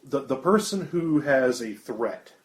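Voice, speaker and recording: A man's voice: medium pitch, lively intonation, unhurried, a little hiss or hum. A man acting as game master, describing combat blow by blow and weighing the rules as he goes. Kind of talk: narrating a tabletop game. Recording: roomy table recording.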